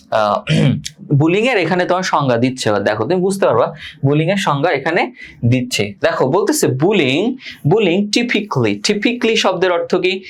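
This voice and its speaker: A man with a Bangladeshi accent teaching an English lesson to exam students, repeating key words and asking and answering his own questions. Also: on the high side.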